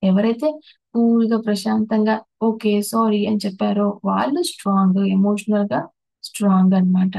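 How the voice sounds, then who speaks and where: A woman's voice: medium pitch, steady tone, normal speed, creaky, mellow, dry recording, low-quality recording. A woman giving a patient spiritual talk on emotions and meditation, listing terms one by one and restarting her words. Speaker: meditation teacher.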